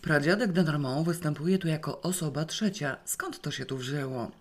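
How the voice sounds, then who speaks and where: A woman's voice: low voice, moderate pace. A woman reading as a blunt, impulsive young sister. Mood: puzzled. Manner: blunt and excitable. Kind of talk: audiobook character voice.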